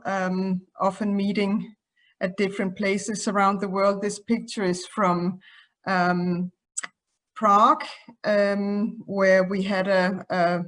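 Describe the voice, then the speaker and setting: A woman from Denmark speaks English as a second language while presenting her association to a conference. Her pitch is mid-range and her delivery is hesitant, with frequent ums. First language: Danish. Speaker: association president.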